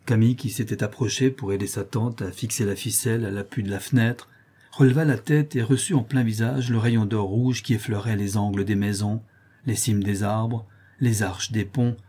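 Dark, husky male audiobook narrator. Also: fairly low pitch, steady tone, moderate pace. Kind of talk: audiobook reading of a classic novel.

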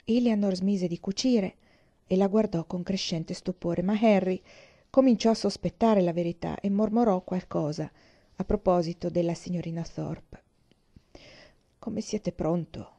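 A woman narrating a classic novel as an audiobook, in a calm, measured reading. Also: fairly low pitch. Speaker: audiobook reader.

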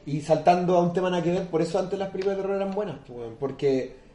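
A young Chilean man with a slightly high voice jumps in with quick jokes and asides on a podcast. His voice carries a roomy, echoey sound. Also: warm tone. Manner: quick interjections, joking asides. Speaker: podcast co-host. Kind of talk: casual chat. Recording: roomy echo.

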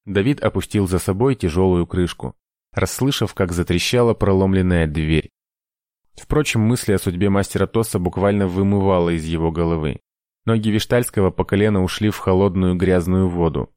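A man narrating an audiobook in an even, measured reading. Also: low-pitched, dry recording, studio quality. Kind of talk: scripted narration.

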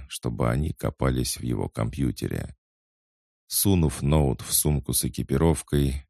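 A man narrates an audiobook in a steady, even reading. His voice is extremely deep, with a gravelly fry running under the words. The sound is dry and close, with no room echo. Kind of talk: scripted narration.

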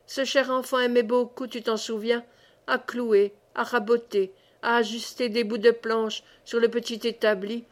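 A woman narrating a classic literary audiobook in a measured, expressive reading. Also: on the high side. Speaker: audiobook reader.

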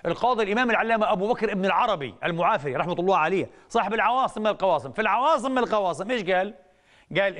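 Fast, high-voiced man giving a lecture. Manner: rhetorical questions to the audience, teacherly, emphatic. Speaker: Islamic scholar and TV lecturer. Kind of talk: religious lecture.

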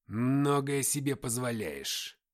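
Narrator voicing a cold, hissing otherworldly male creature; slow, deliberate, threatening delivery for an audiobook. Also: mid-range voice, lively intonation. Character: menacing inhuman male being, cold and slow. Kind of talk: audiobook character voice.

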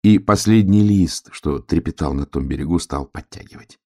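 A man narrating a children's story in a slow, gentle storytelling manner. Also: a bass voice, vocal fry.

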